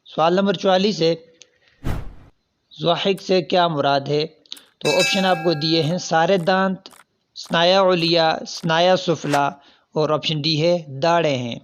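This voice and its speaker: A man's voice: a little high, fairly even intonation, a little hiss or hum. A man teaching, reading exam questions and their options aloud, then explaining each correct answer step by step. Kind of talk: solving past exam questions.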